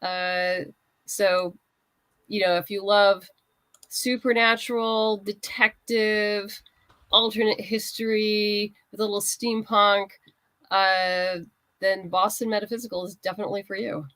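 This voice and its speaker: A writer and comics creator appears as an interview guest, chatting casually while plugging her crowdfunding campaign. Her mid-range voice is level, slightly slow and a bit bright, with no echo.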